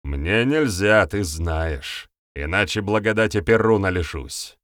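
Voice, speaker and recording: A man's voice: sits low, animated, unhurried, fairly bright tone, no room sound, clean studio sound. Man voicing a cold, mocking village chief. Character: calm, cold-blooded male village chief.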